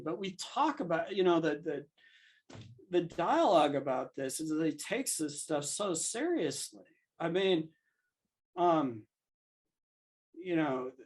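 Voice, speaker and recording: A man appears as a podcast guest, thinking aloud in a discursive, conversational way and acting out imagined exchanges to build his arguments. His voice is high-pitched and slightly rough.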